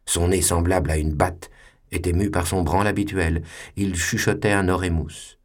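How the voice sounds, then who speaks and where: A man giving a measured, theatrical literary reading. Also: low-pitched, steady tone.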